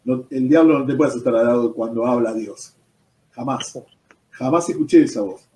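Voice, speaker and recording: A man's voice: mid-range voice, normal speed, dark tone, slight background noise. A man with an Argentine accent, a pastor giving his personal testimony in an interview, telling it as a story and dropping "¿viste?" as he goes. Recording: roomy echo, distant from the mic.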